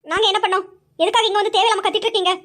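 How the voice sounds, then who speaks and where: A woman's voice: extremely high pitch, steady tone, racing, fairly bright tone. A woman voicing a scheming mother who defiantly orders unwelcome visitors out of her house.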